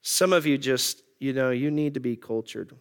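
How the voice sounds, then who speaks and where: A pastor in his thirties preaches a sermon on marriage, keeping it conversational and joking while he poses questions to the congregation. His voice is medium-pitched and smooth, at a moderate pace.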